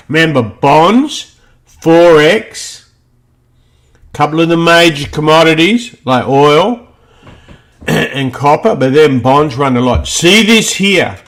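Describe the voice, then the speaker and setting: A man's voice: fairly high pitch, a bit bright. A man presenting a loose, rambling walkthrough of market charts, often thinking aloud between points. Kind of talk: screen-share chart walkthrough.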